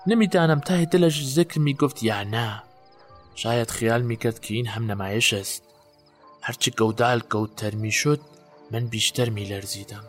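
A man's voice: mid-range voice, natural voice. A man playing a haunted, guilt-ridden witness. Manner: halting, haunted recollection. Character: guilt-haunted man recalling a night burial. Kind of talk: audio drama acting.

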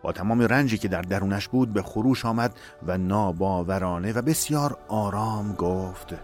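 A man reading a dramatic novel aloud in a measured, emotive storytelling voice. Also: lowish voice, soft background music. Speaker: narrator. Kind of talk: dramatic audiobook narration.

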